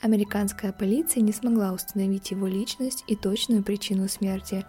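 A woman narrating a scripted true-crime podcast as its host, in a measured storytelling read. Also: mid-range voice, warm tone. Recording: music behind the voice. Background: background music.

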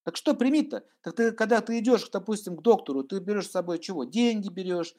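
A man teaching about mantras in a humorous spiritual lecture, animated and joking, acting out little scenes. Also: high voice, fast talker. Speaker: esoteric teacher and astrologer.

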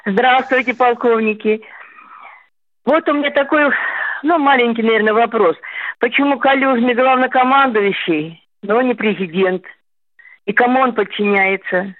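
A woman phones in to a radio show and asks her questions slowly, sounding puzzled. Her voice comes through thin and tinny on a dry phone line. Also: a little high, no echo. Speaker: caller.

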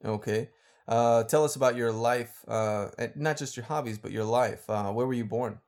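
A man's voice: mid-range voice, normal speed, darkish tone. A man hosting a casual podcast, explaining things for listeners and laughing often. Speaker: podcast host and teacher.

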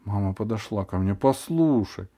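A male audiobook narrator reading a first-person story with expressive, lively delivery. His voice sits at an everyday middle pitch. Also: normal speed.

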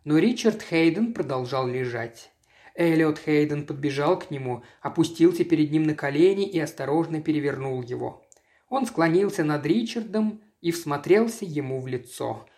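Steady audiobook storyteller. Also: mid-range voice, moderate pace. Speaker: audiobook reader. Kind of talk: scripted narration.

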